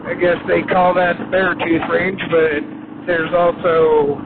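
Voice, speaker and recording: A man talking from inside a helmet as he rides, giving casual motovlog commentary in a halting, unhurried way with many pauses. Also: on the high side. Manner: halting, unhurried, pausing often. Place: inside a helmet, riding a motorcycle on the highway. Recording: muffled inside helmet, motorcycle wind noise. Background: motorcycle engine and road wind, loud.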